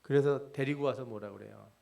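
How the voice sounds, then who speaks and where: A man's voice: medium pitch, brisk, creaky, dark tone. A man preaching a midweek church sermon, posing questions to the congregation and answering them himself. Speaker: pastor.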